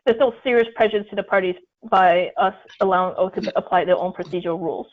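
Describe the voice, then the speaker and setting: A man serving as executive director explains a rule's reading calmly in an online meeting. His voice comes through thin and tinny like a phone line. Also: high-pitched, fast talker. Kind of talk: virtual board meeting discussion. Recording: tinny phone-like call audio.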